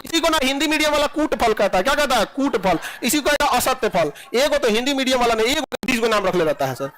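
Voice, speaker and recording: Male classroom teacher, high pitch, tense bright tone, teasing and jokey. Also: expressive, quick pace. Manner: joking, teasing students, laughing often. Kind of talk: classroom lecture.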